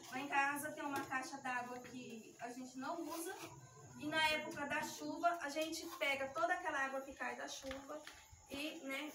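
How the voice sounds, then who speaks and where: A woman's voice: sits high, background noise. A woman giving a youth ministry teaching talk, explaining each step of a live demonstration to her listeners, her voice shaky with nerves. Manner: explanatory, talks the audience through each step. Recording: echoey room mic from far off.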